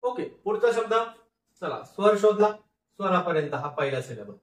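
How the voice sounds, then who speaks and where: A man teaching phonics, slowly sounding out words syllable by syllable and repeating each word. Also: sits high, sing-song. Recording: echoey room, voice a bit far from mic.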